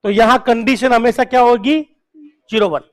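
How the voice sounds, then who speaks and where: A man with a notably high voice gives a classroom lecture. He drills each point, repeats it, and keeps firing questions at his students. His tone coaxes and encourages them to keep at it. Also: steady tone, moderate pace. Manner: coaxing and encouraging toward students. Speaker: teacher.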